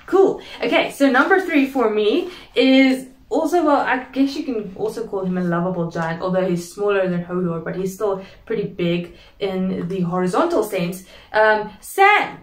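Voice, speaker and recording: A woman's voice: mid-range voice, expressive, moderate pace, hardly any pauses, reverberant, distant mic. A young woman hosting her vlog, chatting casually and playfully. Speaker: vlog host. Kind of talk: casual chat.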